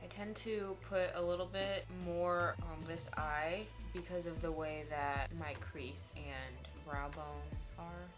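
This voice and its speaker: A woman's voice: deep voice, fairly even intonation, slow pace, few pauses, over music. A woman talking casually through a makeup tutorial as a beauty vlogger.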